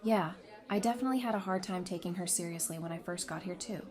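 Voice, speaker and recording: Playing a survivor in a fan-made audio drama, a woman keeps her casual dialogue chatty, informal and reassuring, her character friendly and easygoing. She talks fast in a natural-sounding voice that sits on the low side and is a little mellow.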